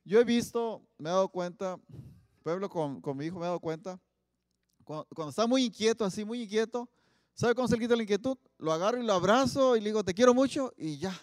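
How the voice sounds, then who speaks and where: A man preaching, his voice sitting high for a man. He keeps asking the audience questions and punches out Bible quotes. His voice rings out with a long reverb in a hall. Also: lively intonation, quick pace, studio quality. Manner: asks the audience many questions, loud emphatic Bible quotes. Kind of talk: sermon.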